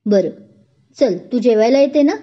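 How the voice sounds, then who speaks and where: A woman's voice: on the high side, lively intonation, normal speed. A woman reading a storybook romance, voicing an older mother who is suspicious but hopeful. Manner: suspicious then warm and hopeful. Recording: dull lo-fi recording.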